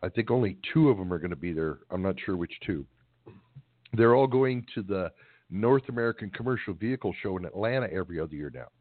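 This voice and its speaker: A middle-aged man with a deep, expressive voice talks fast as co-host of a trucking call-in radio show, chatting casually in a rambling, joking, folksy manner. The recording is dry, with a tinny phone-line sound.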